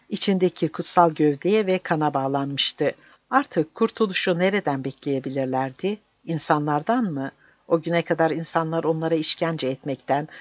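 A narrator giving a steady, measured audiobook reading. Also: medium pitch, dry recording. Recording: dull dry recording.

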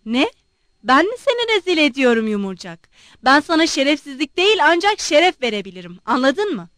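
A blustering, pompous old general bellows his indignation in loud, heated bursts, as a woman reader puts him on. The voice sits high and carries a dry, close sound. Every line comes out as a roar. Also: sing-song, fairly quick, no room sound. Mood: outraged. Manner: roaring, indignant outbursts.

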